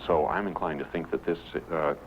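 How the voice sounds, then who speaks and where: A man explaining as an expert, informally, in a halting, deliberate, matter-of-fact way. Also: extremely low pitch. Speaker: anthropologist interviewee. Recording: dull old film sound, faint noise.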